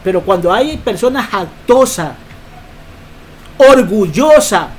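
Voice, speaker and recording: A woman preacher giving a Bible teaching sermon, emphatic and quick to ask rhetorical questions. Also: medium pitch, lively intonation, darkish tone, slight background noise.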